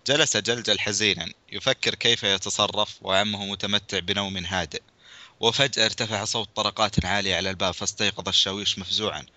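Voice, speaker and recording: A man's voice: fairly low pitch, fairly even intonation, sharp tone, dry recording. A man casually reading a children's mystery aloud, breaking off for joking asides. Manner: rapid, brisk reading, breaks off for crude joking remarks. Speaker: reader.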